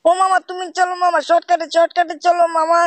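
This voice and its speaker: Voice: very high-pitched, little pitch movement, quick pace, no echo, voice pushed up. A gamer voicing a whiny little cartoon boy nephew who pleads with his uncle in every sentence. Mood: eager. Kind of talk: cartoon voice over gameplay.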